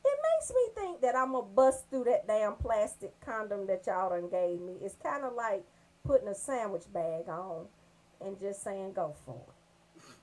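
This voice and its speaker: On a low-quality recording, a woman with a mid-range voice, at a measured pace, hosts a comedy radio show. Her raunchy monologue and banter come across brash and emphatic, told animatedly with emphatic check-ins.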